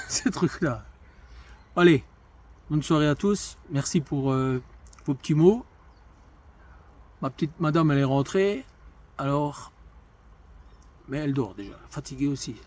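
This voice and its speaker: A man's voice: mid-range voice, unhurried, pauses often, darkish tone, breathy edge. A middle-aged man from Belgium chatting casually in a video diary, rambling through stories and often laughing. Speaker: vlogger sharing his cancer treatment diary. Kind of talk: casual chat.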